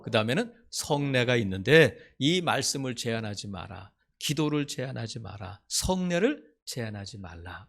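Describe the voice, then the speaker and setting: A male pastor preaching a sermon with passion, acting out the voices in his stories and building to loud, emphatic peaks. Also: lowish voice, creaky. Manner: acts out quoted voices in storytelling.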